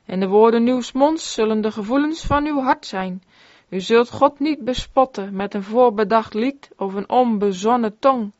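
A woman reading an old-fashioned sermon aloud in an earnest, measured way. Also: on the high side, no room sound. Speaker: sermon reader. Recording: dull, dry lo-fi recording.

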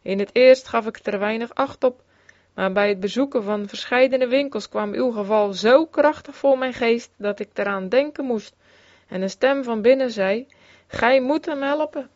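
A woman reads an old devotional memoir aloud in a fairly high voice, earnest and fervent. The recording is dull and lo-fi, with a dry sound and no room echo. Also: normal speed, a little mellow. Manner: earnest, with rising fervor in exclamations.

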